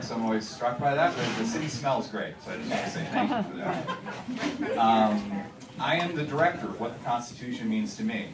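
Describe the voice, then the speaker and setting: Before a show, a theater director with a mid-range voice chats loosely to the audience in the auditorium, using many fillers and restarts. His handheld mic is heard from a distance, so the recording sounds echoey, far off, and noisy.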